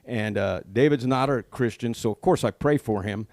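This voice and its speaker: A man's voice: mid-range voice, moderate pace, a little mellow, no echo. A middle-aged man co-hosting a podcast in casual chat, telling stories earnestly about his faith. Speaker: podcast co-host.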